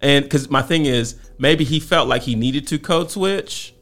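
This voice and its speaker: A man's voice: medium pitch, measured pace, fairly bright tone, faint music behind. A man hosting a casual chat in a probing, reflective manner. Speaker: podcast host.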